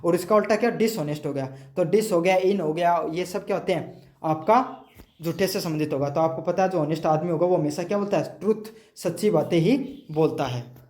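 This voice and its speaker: High-voiced man teaching vocabulary, echoey room. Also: fairly quick, a little mellow. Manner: explains with rhetorical questions and memory tricks. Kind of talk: exam-prep vocabulary lesson.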